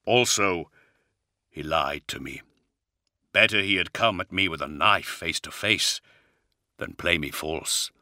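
Man doing calculating commander, low and measured, confiding, very deep voice, dry close sound. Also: sharp tone, dry recording, heavily acted.

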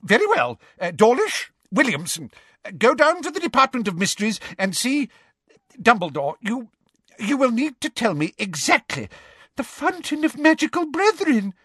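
A man doing Cornelius Fudge, high and gibbering. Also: expressive, extremely slow, long pauses, dry recording, studio quality, full character voice. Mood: panicky. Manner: high-pitched gibbering, panicky and stammering. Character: flustered bumbling male minister in pyjamas.

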